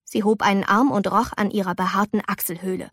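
A woman reading a children's story aloud in a slow, expressive storytelling manner. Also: medium pitch, dry recording, studio quality.

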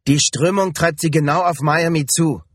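A man voicing a rough, blunt boat crewman who speaks curtly and gives orders. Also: fairly high pitch, normal speed, a bit bright, dry recording, clean studio sound, voice pushed up. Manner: curt, commanding.

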